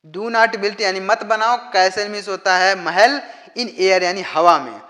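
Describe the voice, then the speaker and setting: A man teaching an English lesson, explaining a story in Hindi and translating it phrase by phrase in a slow, deliberate way. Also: sits high, pushed and bright, roomy sound, big-room sound.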